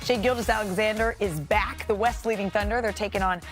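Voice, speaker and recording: A woman hosting a studio sports show, calling highlights in a brisk, upbeat way. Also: steady tone. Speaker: studio host. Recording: music bed under the voice.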